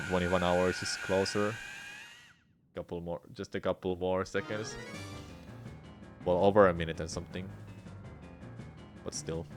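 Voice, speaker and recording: A man talking casually as a speedrunner on a livestream, giving offhand, half-distracted replies while he plays. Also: deep voice. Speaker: speedrunner streaming live game attempts. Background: music.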